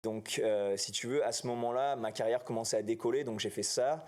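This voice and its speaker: A man, talking casually as an actor guest, relaxed and full of fillers. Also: medium pitch, fairly quick. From New Caledonia. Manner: relaxed, chatty, many fillers like "si tu veux" and "quoi". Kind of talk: casual interview chat.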